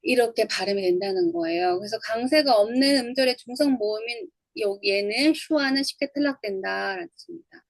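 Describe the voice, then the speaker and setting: Woman, English teacher, patient drill-style explainer, gravelly and a touch high, dry close mic. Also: brisk, hardly any pauses, dry recording, rough recording. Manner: explains step by step, repeats words for drilling. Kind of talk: online lecture on English phonology.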